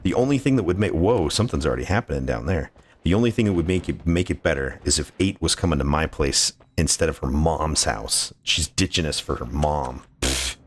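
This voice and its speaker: A man livestreams a game in a rumbling low voice, a little fast and lively in intonation. He greets his chat and banters playfully and effusively, repeating phrases and throwing in goofy asides.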